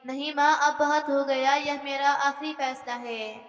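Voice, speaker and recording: A woman playing a stubborn young wife in an audio story, sharp and defiant, high voice on a flat, even line, recorded in a reverberant hall with faint music underneath. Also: a little slow. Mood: angry.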